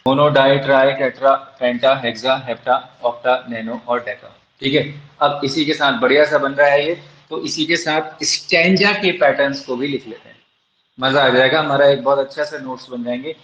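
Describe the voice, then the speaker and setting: A man's voice: mid-range voice, fairly even intonation, normal speed, a bit bright. A male teacher giving a classroom lecture. He asks the class questions and answers them himself, and spells terms out letter by letter. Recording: echoey room, dull lo-fi sound.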